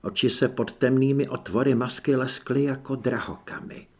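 A man narrating an audiobook in an expressive storytelling manner, with a husky voice. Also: medium pitch. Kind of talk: scripted narration.

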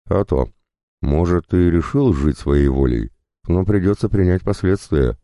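A man voicing a spiteful, mocking goddess who scolds her son in a very deep voice. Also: expressive, unhurried, mellow, no room sound.

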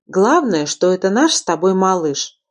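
A woman's voice: mid-range voice, sing-song, moderate pace. A woman reading aloud voices a loving, attentive young husband in an audiobook, speaking tenderly. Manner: tender, gentle. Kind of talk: audiobook reading of a romance novel.

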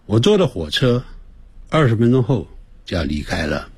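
Husky, animated male English teacher. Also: medium pitch, dry recording. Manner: drills pronunciation slowly, drawing words out; switches between explanation and example phrases. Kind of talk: radio language lesson.

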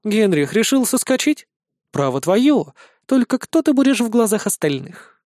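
A man's voice: sits high, very animated, normal speed, darkish tone, no echo, studio quality, voice pushed up. A man reading an audiobook, voicing a cold, taunting young woman at a card table. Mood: mocking. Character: young woman gambler, icy and mocking.

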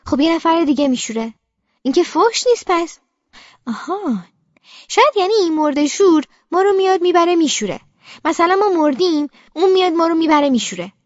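Soft-spoken high-voiced woman narrating. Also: no echo, highs cut off. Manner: quiet, subdued and brooding. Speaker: audiobook narrator. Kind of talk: first-person audiobook narration of a young girl.

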